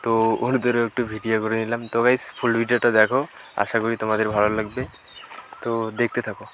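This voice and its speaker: A man's voice: medium pitch, level tone, fast, background noise. A man casually vlogging outdoors, chatting directly to his viewers. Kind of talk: casual vlog narration. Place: outdoors on a road and at a crowded fair.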